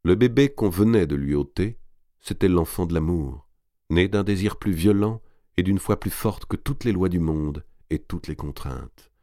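Male audiobook narrator, very low voice, dry close sound, measured novel reading. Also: dark tone, no room sound. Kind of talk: scripted narration of a historical novel.

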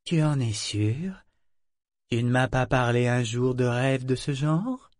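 A man voicing a gentle, troubled young woman bead maker in an audiobook, speaking softly, slowly and searchingly. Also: medium pitch, no echo, clean studio sound, close to an everyday voice. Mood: probing. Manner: soft, slow and searching.

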